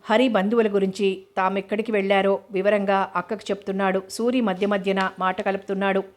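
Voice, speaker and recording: A woman reading a novel aloud as an audiobook, in a steady, even narrating voice. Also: mid-range voice, brisk. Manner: even, steady reading, voicing all characters lightly. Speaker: novel reader.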